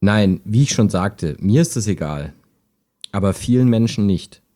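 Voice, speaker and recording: In an intimate radio play, a man voices a skeptical, wistful chatbot that talks like a human, delivering it in an understated, hesitant way. His voice sits fairly low and sounds warm and animated, moving a little slowly, with a pensive mood.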